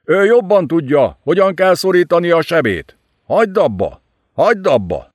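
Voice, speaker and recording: A man's voice: on the high side, lively intonation, dry recording, clean studio sound, voice pushed up, close to an everyday voice. A man voicing a bitter, urgent warrior. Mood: shouting. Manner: bitter, pleading, raised voice.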